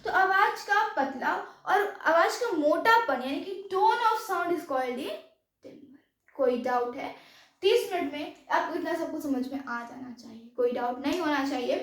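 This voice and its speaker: High-voiced woman teaching in an echoey room. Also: lively intonation, moderate pace, fairly bright tone, distant mic. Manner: mixes English terms into Hindi, repeats checks like "any doubt". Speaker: science teacher. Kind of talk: classroom lecture.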